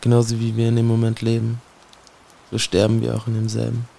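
A man's voice: mid-range voice, completely flat delivery, a little fast, gravelly, warm tone, slight background noise. A man performing a spoken-word poem in a solemn, brooding way, speaking directly to someone he addresses. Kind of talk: spoken-word poetry recitation.

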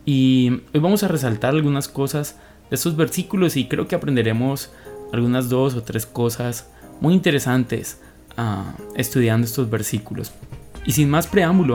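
A man's voice: mid-range voice, a little mellow. Man, devotional podcast talk, earnest and explanatory, faint guitar music underneath. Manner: earnest, explanatory, with occasional fillers. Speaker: podcast host giving a Bible reflection.

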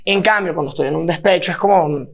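High-voiced musician, reflective. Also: male voice, quick pace, creaky. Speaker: musician guest. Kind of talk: casual chat.

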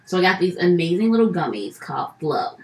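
Rambling, animated woman in an echoey room. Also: on the low side, a little fast. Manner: rambling, animated, self-correcting. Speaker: podcast co-host. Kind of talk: casual chat.

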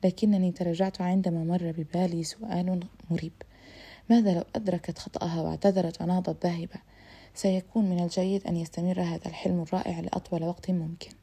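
Fast-reading husky woman narrator. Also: on the low side, level tone, mellow. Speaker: audiobook narrator. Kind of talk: literary audiobook narration.

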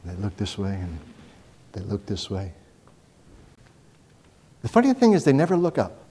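A man preaching a sermon, telling Bible stories with animated voices and reading scripture slowly. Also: fairly low pitch, slightly rough. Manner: animated storytelling, acts out Bible characters; slows down to read scripture.

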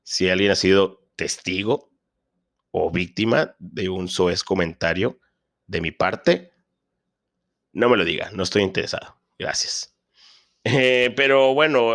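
A man's voice: low-pitched, a bit bright. A man with a Mexican Spanish accent, a teacher and father, hosting a casual podcast monologue with slangy, joking, self-deprecating asides.

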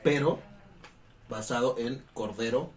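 A man's voice: mid-range voice, slow. A young man with a Mexican accent, host of a casual podcast, telling stories in a laid-back, slangy way. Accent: Mexican Spanish. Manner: laid-back storytelling, slangy, laughs often. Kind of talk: casual chat. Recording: slightly distant mic with faint background noise.

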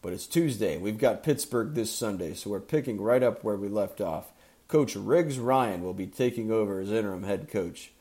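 A man's voice: on the low side, lively intonation, moderate pace, warm tone, close to an everyday voice. A man voicing a perturbed male team manager delivering blunt news in a curt, businesslike way.

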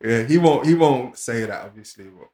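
A man's voice: medium pitch, animated, moderate pace, dark tone, reverberant. A man with an urban London roadman accent chatting casually in street slang as a podcast co-host. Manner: London roadman way of talking, peppered with slang tags.

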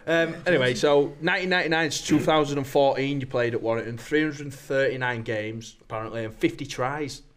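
Young podcast host. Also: male voice, mid-range voice, fairly quick, hardly any pauses, a bit bright. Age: 20s. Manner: joshing, leads the questions. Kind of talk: casual chat.

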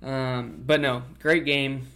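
A young man co-hosting a casual sports podcast, recapping the game in a steady run of facts and laughing it off. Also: mid-range voice, takes it slowly, vocal fry. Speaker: podcast co-host. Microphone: one camera shared by three.

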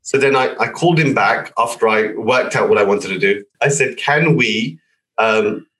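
A man with a fairly low voice tells a personal story as a guest. He is animated and puts on the voices of the people he quotes. He sits a little back from the microphone. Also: a little fast, far from the mic, poor audio. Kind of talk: casual storytelling.

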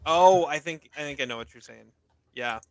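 A man co-hosting a casual movie podcast, relaxed, with quick short reactions. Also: a little high. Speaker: podcast co-host.

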